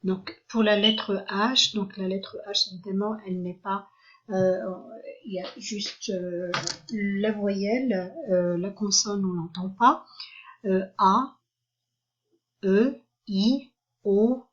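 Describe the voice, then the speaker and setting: A woman giving an online French lesson, spelling out syllables slowly and carefully, with frequent hesitations. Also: mid-range voice, steady tone, fairly bright tone, lo-fi sound. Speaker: French teacher.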